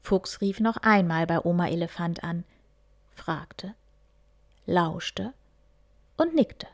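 Woman, whispered storytelling, slow, soft, children's tale. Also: lowish voice. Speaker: reader.

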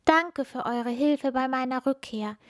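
A woman voicing a bright, eager young girl who is a star child in a children's Christmas story, speaking high and heartfelt. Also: measured pace, no room sound, studio quality. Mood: grateful.

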